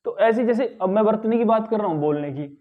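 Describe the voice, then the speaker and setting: A high-pitched man gives a grammar lesson, stretching out words one at a time to show how they should be said. He keeps asking whether his listeners have followed. The recording sounds slightly dull and lo-fi. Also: expressive. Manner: repeats words slowly to correct pronunciation, asks "ठीक है?". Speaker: Hindi grammar teacher. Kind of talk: spoken lesson.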